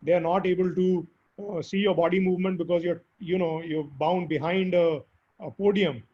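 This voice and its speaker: Hoarse guy with a squeaky high voice, earnest advice in an interview, kinda muffled audio. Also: fairly even intonation, normal speed. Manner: earnest, emphatic advice with fillers. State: hoarse, squeaky voice after illness. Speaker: guest speaker. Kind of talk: interview answers. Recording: dull lo-fi audio.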